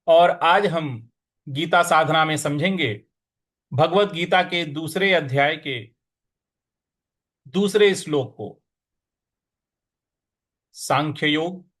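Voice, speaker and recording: A man teaching verse recitation, breaking words into syllables and chanting each line deliberately. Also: a little high, fairly bright tone. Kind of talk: Sanskrit recitation lesson.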